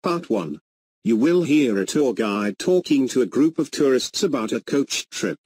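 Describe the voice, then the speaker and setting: Man, formal exam announcer, scripted instructions, mid-pitched, animated intonation. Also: a little slow, slight background noise.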